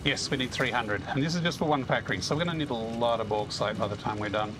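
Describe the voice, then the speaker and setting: A man's voice: medium pitch, fast, background noise. A man giving casual gameplay commentary, thinking aloud in a self-deprecating way as he hosts. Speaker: gaming video host.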